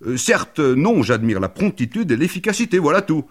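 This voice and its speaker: A man's voice: on the high side, normal speed, voice pushed up. Man voicing a fussy doctor, raised voice, flustered, overly polite. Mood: placating. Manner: raised, flustered, placating, then excited shouting.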